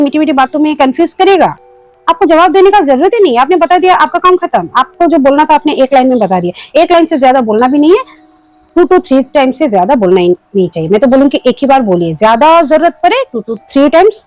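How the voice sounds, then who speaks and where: A woman's voice: sits high, big pitch swings, a little fast, dry recording, faint music behind, poor audio. A woman hosting an advice video in Hindi, mixing in English phrases and acting out short sample replies. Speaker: self-help video host. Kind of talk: advice talk to camera.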